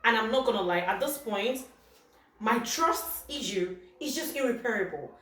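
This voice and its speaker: A woman's voice: fairly high pitch, animated, normal speed, fairly bright tone. Upset woman vlogging in an echoey room. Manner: upset, exasperated, repetitive. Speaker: football vlogger. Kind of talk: casual vlog commentary. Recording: echoey room heard from a distance.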